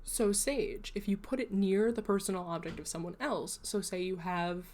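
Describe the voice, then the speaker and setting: Woman, livestream host, casual chat, rambling, self-deprecating, talks to viewers, middling pitch. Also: fairly even intonation, moderate pace, darkish tone. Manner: chatty and explanatory, addressing viewers.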